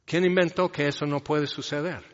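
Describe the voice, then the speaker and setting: A man's voice: fairly high pitch, fairly even intonation, normal speed. Conversational male preacher in a reverberant hall. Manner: conversational, explaining a passage with asides and rhetorical questions. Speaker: pastor. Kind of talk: sermon. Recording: long reverb, dull lo-fi sound.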